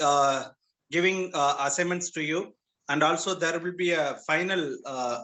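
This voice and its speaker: A man with an Indian Tamil accent coordinating a meeting, relaying questions and announcements in halting, mixed-language phrasing. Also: fairly high pitch, bright, forceful tone.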